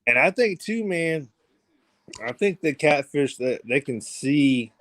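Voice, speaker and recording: A man's voice: a little high, lively intonation, takes it slowly, fairly bright tone, dry recording. A man hosting a livestream, chatting casually about fishing in a rambling, laid-back way full of fillers. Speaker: livestream host.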